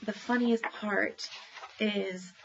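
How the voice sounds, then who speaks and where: A woman's voice: medium pitch, steady tone, drawn-out words, creaky. A woman public librarian casually reviewing children's books, chatty and informal with many fillers and frequent laughs. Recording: dull lo-fi recording with faint noise.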